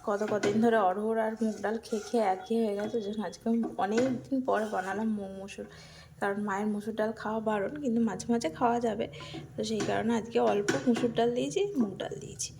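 A woman vlogger, tired after a workout, narrates her day in her home kitchen in a soft, hushed, worn-out voice with a gravelly rasp. She speaks fast at a medium pitch with a level tone in casual daily-vlog style. The room is echoey, and dishes and pans clatter loudly around her.

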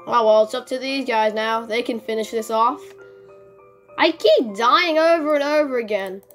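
Woman, high-ish voice, casual gameplay commentary, excitable, rambling, faint game music underneath. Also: normal speed. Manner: chatty, excitable, rambling with restarts. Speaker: gaming video creator.

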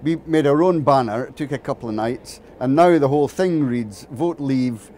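A man's voice: medium pitch, lively intonation, a little fast, mellow, a little hiss or hum. A man speaking in a casual outdoor interview as a local resident, plain-spoken and matter-of-fact.

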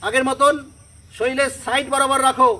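High, bright woman yoga teacher. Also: normal speed, low-quality recording. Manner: gives steady step-by-step commands and counts aloud. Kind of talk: leading a children's yoga class.

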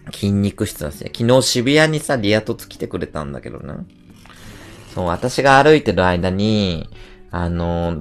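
A man chats casually on his livestream, spinning animated, rough-edged rants full of slang. His voice sits on the low side yet swings widely up and down as he gets worked up. Faint music plays behind him. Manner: animated ranting storyteller, rough slangy speech. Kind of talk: casual chat.

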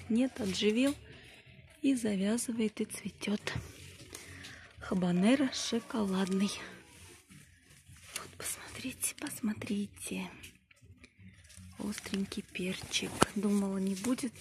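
A woman casually narrating her garden vlog in short, halting phrases as she points things out, recorded outdoors on a handheld device. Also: mid-range voice. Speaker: home gardener showing plants. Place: outdoor garden beside a wall. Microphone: handheld phone or camera close to plants. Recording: clear handling rustle and outdoor background noise.

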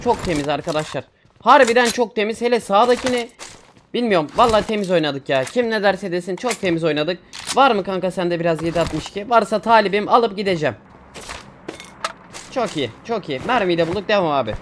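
A man's voice: high voice, brisk, slight background noise. A young man commentating his own mobile shooter gameplay, casual and joking, talking to viewers and bursting out in fights. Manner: bursts into loud excitement in fights. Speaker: gaming streamer. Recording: game gunfire loud behind. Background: gunshots and game sounds.

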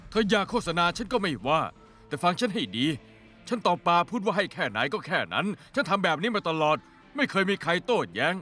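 A man's voice: high voice, lively intonation, brisk, sharp tone, faint music behind, heavily acted. A man dubbing a sly cook who dodges a friend's questions and bullies a young shopkeeper, in a Thai TV drama dub. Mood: menacing. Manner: evasive with friends, cold and bossy in business. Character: sly cook and dealer, teasing then menacing.

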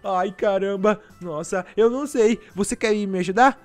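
A man with a Brazilian Portuguese accent doing playful gameplay commentary, excitable and sighing often as he talks to his viewers. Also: high voice, moderate pace. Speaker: gaming YouTuber.

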